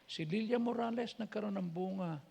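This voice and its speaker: A man's voice: high-pitched, fairly quick, gravelly, warm tone, slightly rough. A man with a Filipino accent preaching a sermon as a pastor, telling stories in a conversational way and switching between languages. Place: church.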